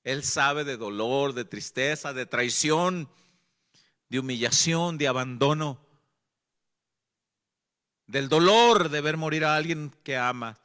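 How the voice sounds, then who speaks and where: A man's voice: medium pitch, slow pace, long pauses, pushed and bright, clean tone. A male pastor with a Mexican accent, preaching a sermon with earnest storytelling and repeated phrases. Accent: Mexican Spanish.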